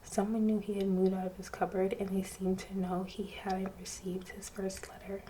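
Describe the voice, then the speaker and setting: A woman doing soft-spoken ASMR reading, drifting between a hushed voice and a whisper. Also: medium pitch, monotone, moderate pace. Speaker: ASMR channel host. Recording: street noise in background. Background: street traffic.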